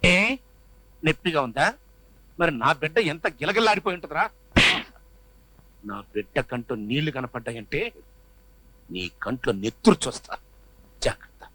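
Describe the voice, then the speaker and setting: Fussy rich dad, over the top, bright high voice, film-comedy style. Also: male voice, normal speed, long pauses, no room sound, poor audio. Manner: fussy, doting, theatrical. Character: fussy doting rich middle-aged father, theatrical. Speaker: fussy rich father who dotes on his daughter. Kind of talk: Telugu film comedy acting.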